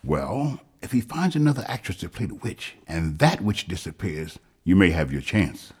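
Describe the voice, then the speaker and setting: A man's voice: low-pitched, big pitch swings, normal speed, darkish tone, slightly rough, heavily acted. A man voicing a dry, sarcastic male sidekick who teases. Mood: wry. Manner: wry, teasing.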